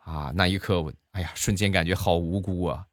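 A man's voice: low-pitched, a little fast, dry recording, studio quality. Chatty comic storyteller man. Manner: chatty, animated, laughs at his own jokes. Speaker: podcast host telling jokes. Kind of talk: comedic storytelling monologue.

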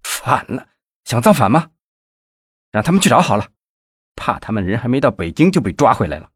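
A man's voice: lowish voice, wildly swooping pitch, fairly quick, slightly rough, no room sound, full character voice. A man voicing an angry, scheming middle-aged male mayor who blusters and curses in an audiobook. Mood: furious. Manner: blustering, short-tempered, curses.

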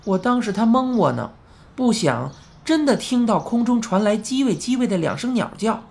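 A woman narrating a children's audiobook with expressive storytelling. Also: on the high side, normal speed, creaky.

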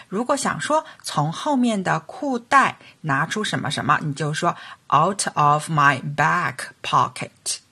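A woman's voice: fairly low pitch, pushed and bright, husky. A woman teaching a language lesson, explaining phrases and carefully enunciating model sentences. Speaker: English teacher.

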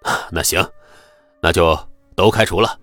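A man voicing a calculating middle-aged male security chief who speaks low, curt and indifferent. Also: unhurried, a bit bright, no echo, faint music behind.

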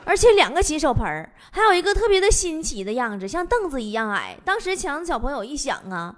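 A woman's voice: high-pitched, very animated, fast. A young woman with a Northeastern Chinese accent, telling comic stories and laughing at her own jokes. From Northeast China. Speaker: comedy show host. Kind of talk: scripted comedic storytelling.

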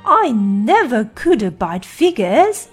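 A woman voicing a loud, bossy noblewoman with a hoarse growl, speaking slowly. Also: a little high, sing-song, faint music behind, pitched above the performer's own voice, full character voice. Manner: slow, loud, shouting.

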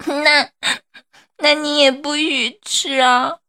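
A woman's voice: on the high side, slow, fairly bright tone. A woman acting a spoiled, babyish young woman who pouts and sobs dramatically in a comedy skit. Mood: sobbing. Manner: babyish, pouting, sobbing dramatically.

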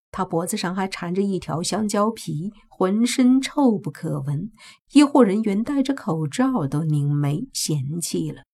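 Woman narrator, steady storytelling, husky, lowish voice. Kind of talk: scripted audiobook narration.

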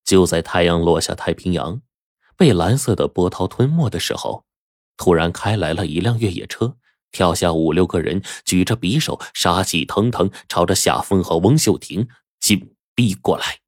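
Low-voiced male storyteller. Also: moderate pace, dry recording, studio quality. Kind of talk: storytelling narration.

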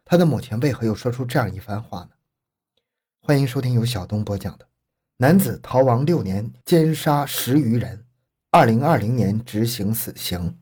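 Guy narrating a true crime story, husky voice, slow and grave. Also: medium pitch, lively intonation, darkish tone.

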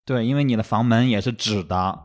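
Male podcast host, low voice, rapid casual delivery, eager agreeing. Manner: quick, eager, frequent agreeing and word repeats.

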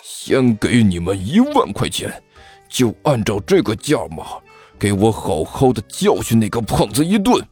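A man voicing a vengeful, menacing rich schoolboy who speaks in slow, low threats. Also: huge pitch swings, darkish tone, breathy edge, faint music behind, heavily acted.

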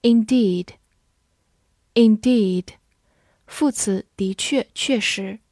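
A woman English teacher takes students through a vocabulary lesson. She talks slowly and draws out each word as she repeats it. Her slightly high voice is recorded close and dry. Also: a little mellow, no room sound. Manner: slow, drawn-out word repetition.

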